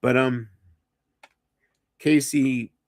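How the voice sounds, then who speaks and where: A man's voice: mid-range voice, fairly even intonation, drawn-out words, darkish tone. A man livestreaming alone, talking drunk, rambling and profane with his chat.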